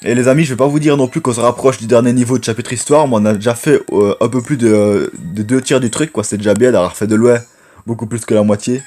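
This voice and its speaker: A man with a low voice giving rambling, chatty gameplay commentary and talking to viewers as friends. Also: fast talker, mellow. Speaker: gaming YouTuber.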